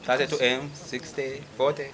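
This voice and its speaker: A man's voice: medium pitch, little pitch movement, moderate pace. A man with a Ugandan accent hosting a TV interview in a playful, laughing way, mixing in local words. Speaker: TV show host. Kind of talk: casual interview chat. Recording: loud crowd in background. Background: crowd noise.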